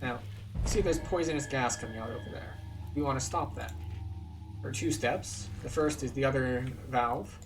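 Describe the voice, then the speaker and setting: A man with a mid-range voice talks at a moderate pace, recorded far from the mic with music underneath. He's a game walkthrough host giving casual gameplay commentary, explaining the video game as he plays like a tour guide pointing things out.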